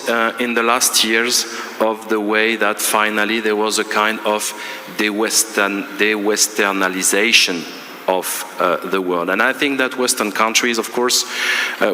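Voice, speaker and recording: A man from Belgium, speaking on a conference panel as an international relations lecturer, halting and full of fillers. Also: fairly low pitch, pushed and bright, a little hiss or hum. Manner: halting, many fillers, searching for words. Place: large conference hall. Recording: reverberant conference hall.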